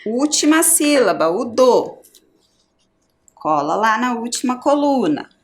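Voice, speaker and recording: Lively, patient Brazilian teacher woman. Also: on the high side. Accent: Brazilian Portuguese. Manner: slow, clear syllable-by-syllable explanation. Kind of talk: primary school lesson.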